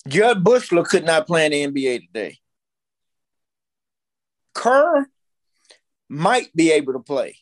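In a sing-song voice on the high side, a fifty-something American man speaks a little slowly with long pauses. Appearing as a podcast guest, he tells casual stories bluntly, full of opinions and repeated points for emphasis.

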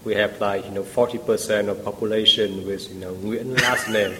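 A man's voice: lowish voice, steady tone, moderate pace, long reverb tail, heavy background noise. A man with a Vietnamese accent, a native Vietnamese speaker, talking as a guest in a podcast interview, hesitant with many fillers and restarts. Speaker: guest, language teacher.

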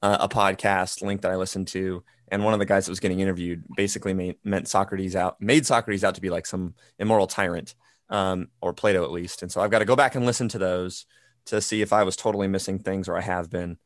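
A man co-hosting a podcast, talking in an animated, rambling way with lots of fillers. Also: low voice, fast, no room sound, studio quality. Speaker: podcast co-host. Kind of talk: casual podcast conversation.

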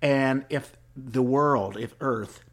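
Male podcast host, casual chat, rambling, chuckling, medium pitch. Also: takes it slowly. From Washington, D.C.

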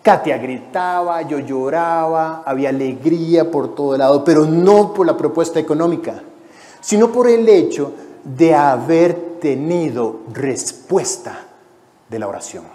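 A man preaches an emotive testimony, alternating between loud exclamation and hushed, prayerful speech. His voice is dark and mellow and sits a little high. A long hall reverb follows his words. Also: measured pace. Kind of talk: testimony sermon.

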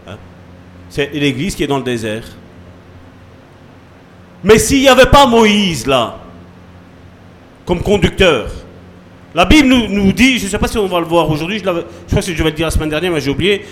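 A man preaching a sermon as pastor, swinging between soft asides and loud calls to the congregation. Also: high-pitched.

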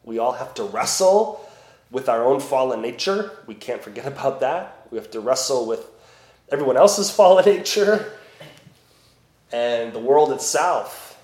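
A priest at Mass, reading the Gospel and preaching in a slow, deliberate way with emphatic swells, his voice ringing with church echo. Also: medium pitch, darkish tone. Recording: echoey church room.

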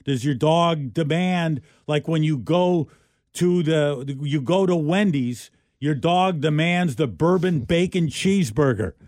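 A man co-hosts a morning radio show in a slightly high voice. He chats eagerly and keeps firing questions at listeners. The sound is dry and close, with no room echo. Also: slow pace. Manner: chatty, animated questioning of listeners. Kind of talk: casual morning radio chat.

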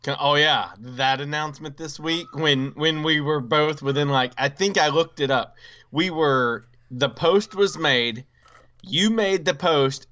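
Male co-host, casual, eager, halting; smooth voice, muffled audio. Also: on the high side, bright, forceful tone. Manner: enthusiastic, halting with restarts. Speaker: podcast co-host. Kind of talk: casual chat.

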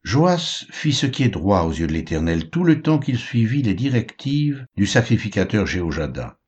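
A man giving a measured, expressive reading of the Bible. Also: on the low side, slightly rough, muffled recording. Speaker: Bible reader.

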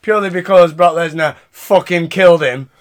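A man's voice: high-pitched, moderate pace. A British man hosting a casual, sweary podcast recap of wrestling in an informal way. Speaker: podcast host reviewing wrestling shows.

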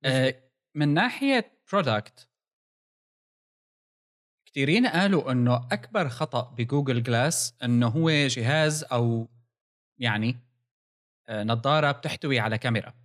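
A man's voice: medium pitch, moderate pace, pauses often, a bit bright. A man with a Levantine Arabic accent co-hosting a casual technology discussion, talking in an analytical, point-by-point way. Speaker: podcast co-host.

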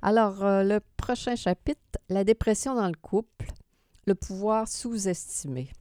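A woman's voice: mid-range voice, a little slow, warm tone, dry recording, studio quality. A woman with a Quebec French accent co-hosting a conversational podcast, hesitating and repeating words as she searches for phrasing. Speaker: podcast co-host, counselling professional.

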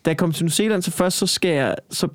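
Young man, rambling storyteller in a chat, a touch high-pitched, very dry close sound. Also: dry recording. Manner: rambling, frequent restarts and fillers, swearing. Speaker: guest telling a story.

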